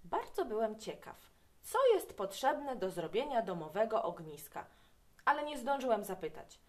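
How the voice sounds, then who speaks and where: A woman reading a children's story aloud to young listeners, with an expressive, animated delivery. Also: medium pitch, normal speed.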